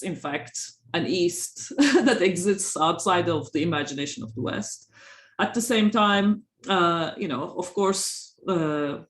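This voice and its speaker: Woman academic with roomy echo. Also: lowish voice. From Turkey. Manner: hesitant, many fillers and restarts, frequent laughs. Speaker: professor, author. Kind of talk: academic interview answers.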